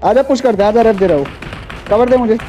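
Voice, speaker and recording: A man's voice: high-pitched, quick pace, lo-fi sound. A man giving urgent tactical callouts in squad voice chat. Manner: urgent, commanding. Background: game music and gunfire.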